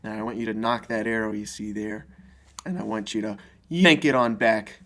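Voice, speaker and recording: A man's voice: lowish voice, moderate pace, a bit bright, a little hiss or hum. A man playing a stern, pompous scout father who instructs his young son solemnly in an improvised comedy sketch. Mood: stern instruction.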